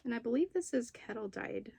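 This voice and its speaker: A woman vlogger chatting casually as she shows her craft projects, slightly out of breath after being sick and pausing to recall details. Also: a little high, animated, vocal fry, mellow, breathy edge, no room sound. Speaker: crochet and knitting vlogger. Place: room at home with poor lighting.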